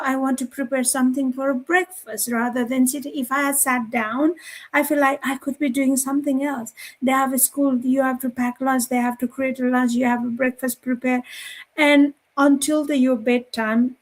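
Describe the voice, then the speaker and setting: Nepali-accented woman in her forties, panel guest, fairly high voice, halting talk full of fillers. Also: fairly even intonation. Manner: halting, many fillers and restarts, non-native phrasing. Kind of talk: live online panel chat.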